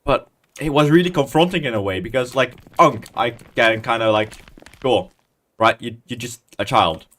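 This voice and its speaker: A man in his 20s with a mid-range, slightly bright voice talks at normal speed while streaming Minecraft. His commentary is casual, rambling, and self-deprecating, and he mutters under his breath as he types commands.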